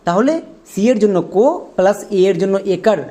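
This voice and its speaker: Reading teacher, mellow tone, methodical letter-by-letter phonics explainer. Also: mid-range voice, a little fast. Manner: spells words out letter by letter, asks and answers own questions. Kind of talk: step-by-step phonics lesson.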